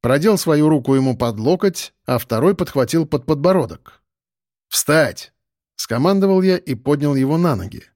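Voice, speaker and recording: Steady male audiobook narrator. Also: fairly high pitch, fairly quick, no echo, clean studio sound. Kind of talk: scripted first-person narration.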